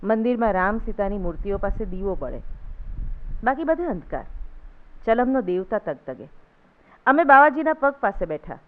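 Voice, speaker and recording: A woman reciting a literary essay in a steady, measured reading voice at a literary event. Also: mid-range voice. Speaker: essay reader. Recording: thin phone-like sound.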